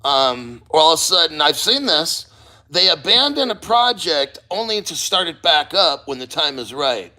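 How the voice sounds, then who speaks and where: A man's voice: a little high, sing-song, normal speed, pushed and bright, rough recording. A man livestreaming casually from a cold water plunge, speaking bluntly as a host, with loose motivational rambling and casual swearing. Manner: talking while sitting in a cold water plunge. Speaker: livestream host of a crypto channel.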